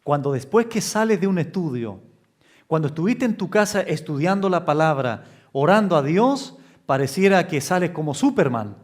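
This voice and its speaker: A male pastor preaching an expository sermon in a slow, emphatic way, often raising his pitch for stress. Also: animated.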